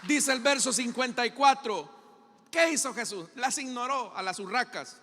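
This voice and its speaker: A man's voice: extremely high pitch, animated, moderate pace, bright, forceful tone, in a large hall, slight background noise. A male pastor with a Salvadoran accent preaching a dramatic sermon in a church, full of rhetorical questions and acted-out scenes.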